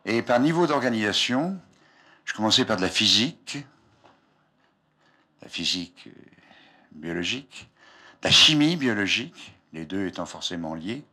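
Very animated and forceful, this older man speaks at a normal pace with frequent pauses, his lowish voice bright in tone. He's a scientist giving a loose, discursive public lecture from a raised platform in a lecture hall, often cutting off mid-phrase, captured on an old archive tape.

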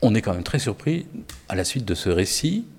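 A man's voice: on the low side, very animated, normal speed, a little mellow, slightly rough, in a large hall. A man talking about literature as an editor, hesitant, with many fillers and restarts. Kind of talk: spoken literary discussion.

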